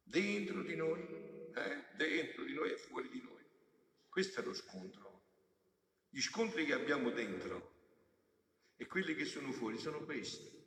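A man's voice: fairly high pitch, animated, normal speed, vocal fry, fairly bright tone. A man, a friar, preaching a homily in an emphatic, fatherly way, with casual asides to the congregation. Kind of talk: sermon. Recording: echoey hall, distant mic.

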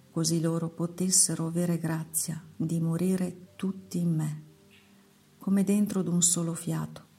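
The Lord, solemn and unhurried, read by a woman: dark, gravelly tone, hushed devotional recitation. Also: fairly low pitch, exaggerated voice. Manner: slow, measured, hushed recitation. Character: the Lord, a solemn male divine voice. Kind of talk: devotional reading.

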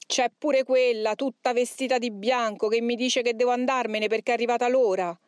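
A woman's voice: high-pitched, fairly even intonation, measured pace, darkish tone, clear, resonant tone, no echo, clean studio sound, pitched above the performer's own voice. A woman voicing a raging male demon who screams, mocks and sobs with rage, read aloud from an exorcism account. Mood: sobbing rage.

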